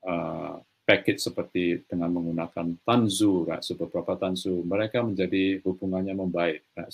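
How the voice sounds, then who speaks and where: A middle-aged man with a low, gravelly, husky voice and a darkish tone gives a virtual conference keynote over a webcam from a small room. He sounds hesitant, restarting often, saying "eh," and peppering his talk with "right, so."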